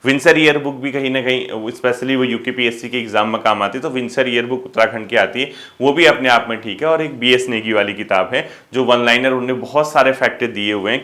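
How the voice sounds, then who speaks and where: A man's voice: mid-range voice, pushed and bright. A male coaching teacher, giving casual exam advice to students and asking them rhetorical questions. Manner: addresses students as kids, frequent rhetorical questions.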